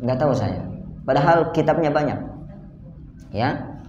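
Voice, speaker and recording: In a mosque hall, a man who teaches Islam lectures on religious study in a chatty way, posing rhetorical questions and calling his listeners "sir". His voice is a little high and darkish, with lively intonation and a slightly slow pace. The audio is roomy, dull, and lo-fi, with a bit of background noise.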